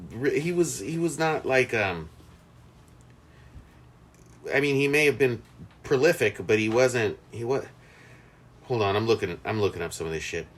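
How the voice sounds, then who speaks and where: A man's voice: moderate pace, pauses often. A man co-hosting a podcast in casual chat, rambling with fillers and restarts. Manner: rambling, many fillers and restarts, lively pitch. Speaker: podcast co-host.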